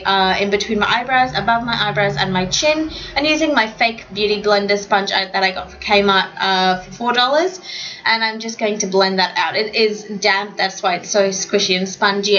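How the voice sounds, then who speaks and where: A young woman talks through her makeup steps in a casual voiceover. Her pitch sits mid-range and she stumbles over words now and then. The home recording sounds a bit dull. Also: fairly bright tone. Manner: chatty, slightly tongue-tied. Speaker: beauty vlogger. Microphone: home voiceover mic.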